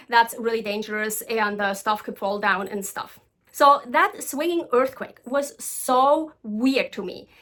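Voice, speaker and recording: A woman's voice: on the high side, a bit bright. A woman from Switzerland telling casual stories to camera as a vlogger, chatty with many ums and restarts. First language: Swiss German.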